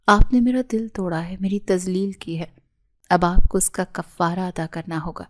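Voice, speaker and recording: A woman's voice: on the low side, lightly acted. A woman reading the lines of a wounded young wife who coldly refuses her husband. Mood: reproachful. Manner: cold and cutting.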